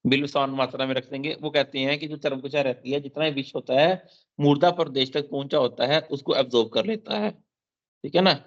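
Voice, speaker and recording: A man's voice: mid-range voice, fairly quick. A man teaching Ayurveda for exams, reading Sanskrit verses and explaining them line by line, repeating key terms and often checking in with his students. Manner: mixes in English terms, frequent "theek hai" check-ins. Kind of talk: exam-focused lecture. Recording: dull lo-fi sound.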